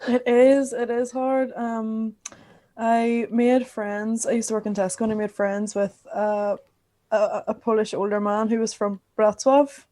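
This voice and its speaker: A woman's voice: a little high, flat delivery, unhurried, warm tone, no echo. A woman from Northern Ireland interviewing her podcast co-host in a chatty, rambling way, asking lots of questions. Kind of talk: casual chat interview.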